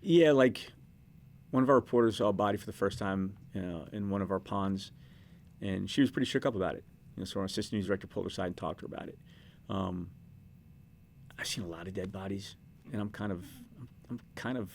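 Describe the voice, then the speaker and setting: Fast-talking low-voiced man giving advice. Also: a little mellow. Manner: quick, conversational, repeats himself with restarts. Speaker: news director speaking to students. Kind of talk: casual advice to students.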